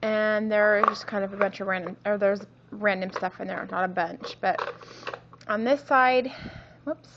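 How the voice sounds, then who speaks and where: A woman's voice: mid-range voice, fairly even intonation, unhurried, noisy background. A woman who is a little sick gives a casual show-and-tell tour of her home craft room, meandering and correcting herself with lots of ums. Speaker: crafting vlogger. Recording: dull lo-fi home video.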